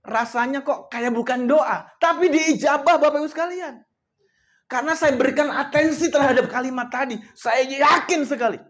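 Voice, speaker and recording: A man with a notably high voice delivers a motivational speech to an audience. He tells stories, addresses his listeners often, and adds frequent devout exclamations. His delivery swings from soft, almost whispered lines to loud, emphatic bursts. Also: moderate pace. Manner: swings between hushed, soft passages and loud emphatic outbursts. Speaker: motivational coach.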